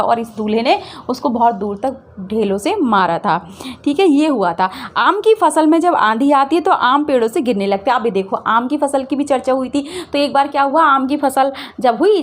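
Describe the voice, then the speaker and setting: A woman teacher revising a Hindi school chapter, retelling the story in her own words and asking her students questions as she goes. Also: sits high. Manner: explains by retelling, repeats phrases, asks students questions. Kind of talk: Hindi class revision lesson.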